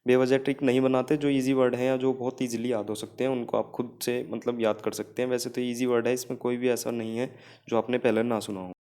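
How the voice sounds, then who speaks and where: A man's voice: mid-range voice, level tone, a little fast, mellow. A man with an Indian accent teaching English vocabulary for exam prep, explaining memory tricks and repeating key phrases.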